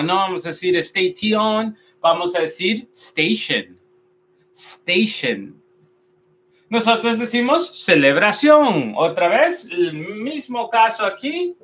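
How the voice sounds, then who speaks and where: A male language teacher with a bright, fairly high voice. He talks at an unhurried pace, stressing and repeating each word so learners can copy it. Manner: patient, repeats each word slowly and with emphasis. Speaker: English pronunciation teacher. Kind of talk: explaining pronunciation in a video lesson.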